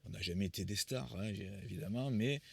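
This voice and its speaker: Gravelly and slightly rough, the fairly low voice of a sixty-something musician comes through fast and without echo. As a guest in a storytelling interview, he meanders through anecdotes and keeps restarting his sentences.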